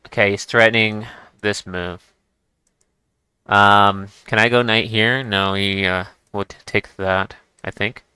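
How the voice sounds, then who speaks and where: A man's voice: on the low side, fairly even intonation, slow, bright, forceful tone, clean tone, no room sound. A man giving casual chess commentary as he plays, thinking aloud and restarting his sentences. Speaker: chess streamer.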